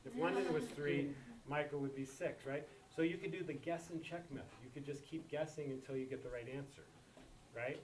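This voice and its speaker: A man's voice: on the high side, a little fast, background noise. A man teaching a math lesson to a class, repeating key points and checking that students follow. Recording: echoey classroom from far off.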